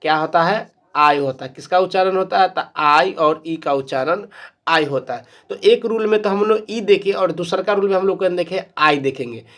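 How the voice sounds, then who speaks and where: A man teaching English spelling rules in an online lesson, who spells letters out slowly and keeps asking questions before he answers them himself. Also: sits high, a bit bright. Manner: calls viewers "my dear friends".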